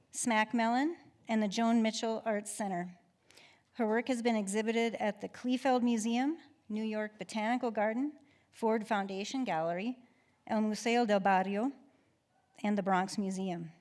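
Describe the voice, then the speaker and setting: Higher-voiced woman reading an introduction. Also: darkish tone. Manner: formal, reading a list of awards. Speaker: host introducing the speaker. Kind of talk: read introduction.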